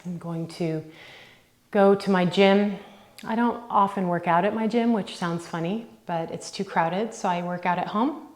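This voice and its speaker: Unhurried woman coaching a home workout. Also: fairly low pitch, fairly even intonation. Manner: counts reps aloud and coaches with encouragement. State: out of breath at times. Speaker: fitness instructor. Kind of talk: guided home workout instruction.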